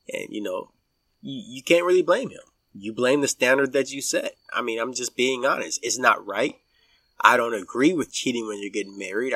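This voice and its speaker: Opinionated man, bright and off-mic. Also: mid-range voice, no echo, far from the mic. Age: 40s. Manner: opinionated, halting with many fillers and restarts. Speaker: podcast guest. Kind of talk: casual podcast chat.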